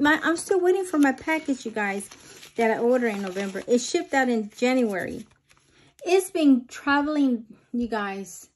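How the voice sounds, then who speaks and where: Chatty budget vlogger lady, kinda high voice, bit out of breath, says you guys constantly. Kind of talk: casual chat to camera.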